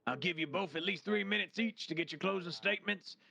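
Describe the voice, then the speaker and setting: A man's voice: high voice, fairly quick, creaky, sharp tone, slightly rough. A man roleplaying a judge in a game courtroom, brash, profane and commanding.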